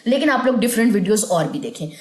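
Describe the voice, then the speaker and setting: A woman teaching an online recitation lesson, explaining patiently and drawing out words slowly as she demonstrates. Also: medium pitch, lively intonation, roomy sound. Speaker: tajweed teacher.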